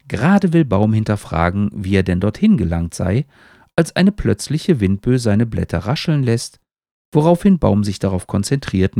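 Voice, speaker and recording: Male storyteller, low gravelly voice, lively delivery, dry close sound. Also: dry recording. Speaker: podcast host. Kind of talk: storytelling narration.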